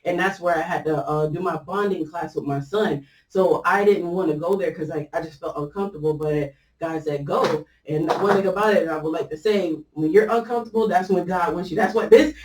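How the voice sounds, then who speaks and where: A woman's voice: on the low side, brisk, few pauses, a little mellow, recorded from a distance, a little hiss or hum. A woman casually telling a personal faith story, chatty and loose, with lots of fillers and easy laughter. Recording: echoey room, voice set back from the mic.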